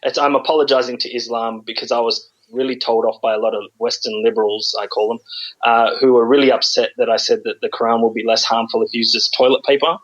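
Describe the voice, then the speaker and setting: A man's voice: medium pitch, steady tone, fast, muffled recording. A man talking casually on a podcast, sarcastic and rambling, with frequent ums. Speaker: podcast guest.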